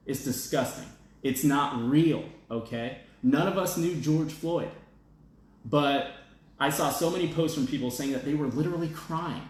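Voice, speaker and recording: A man hosting an opinion show, giving a blunt, emphatic casual monologue and often checking in with "okay?" and "all right?", then reading out viewer comments. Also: on the high side. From United States. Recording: very echoey room.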